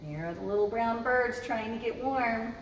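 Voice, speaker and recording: A woman with a slightly high voice reads a children's story aloud at a moderate pace, hosting storytime expressively and speaking straight to her young listeners. The recording is roomy and echoey, with a distant mic and noise.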